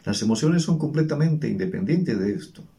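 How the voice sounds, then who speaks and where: A man's voice: medium pitch, animated, normal speed, warm tone. A man giving earnest, teacherly advice on emotions, posing rhetorical questions as he talks. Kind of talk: reflective monologue.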